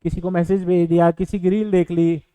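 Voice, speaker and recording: Earnest male coaching teacher, mellow voice. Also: sits high, flat delivery, a little fast, clean tone, no room sound, rough recording. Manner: earnest, advising, with fillers and English words mixed in. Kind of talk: motivational lecture to exam aspirants.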